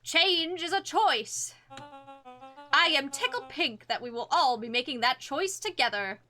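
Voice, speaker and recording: A woman's voice: high voice, expressive, unhurried, sharp tone, faint music behind, full character voice. A woman voicing a smug, pompous male town leader in a video game, with an oily, showman-like cheer. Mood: gloating cheer.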